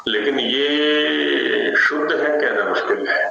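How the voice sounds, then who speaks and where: A man's voice: medium pitch, takes it slowly, gravelly, pushed and bright, very echoey, dull audio, slight background noise. A man teaching Sanskrit pronunciation in an online class, explaining patiently and often checking in with "है ना". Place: online class on a video call.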